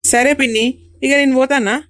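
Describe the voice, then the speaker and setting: A polite village boy in a cartoon, eager and earnest, with a Telangana Telugu lilt, as a woman voices him. He talks high and quick, recorded close and dry. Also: steady tone, a bit bright, no echo. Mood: helpful. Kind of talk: animated comedy voice acting.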